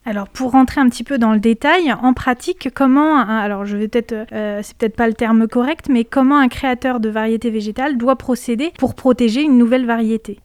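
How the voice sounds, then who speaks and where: Smooth-voiced woman asking polite questions. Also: fairly high pitch, fairly quick, hardly any pauses, darkish tone, no echo. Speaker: interviewer. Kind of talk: interview questions.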